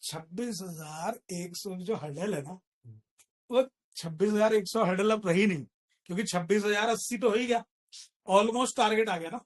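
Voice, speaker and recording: Male trading teacher mid-class: jokey, scolding, loud when calling stocks. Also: sits high, moderate pace. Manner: teasing, scolding banter, mimics callers; raises voice to call out stocks. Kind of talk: live market commentary class.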